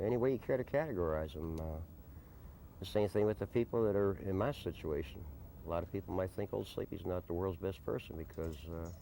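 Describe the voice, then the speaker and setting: An American man living at an informal desert camp gives unscripted answers for a documentary interview shot on location. His voice is low, mellow, and gravelly, and he talks plainly. The footage is a noisy early 1990s field video recording.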